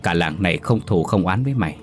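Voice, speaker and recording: A grave old village elder who puts stern questions, as a male storyteller voices him. Deep and measured, with soft music behind. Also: expressive.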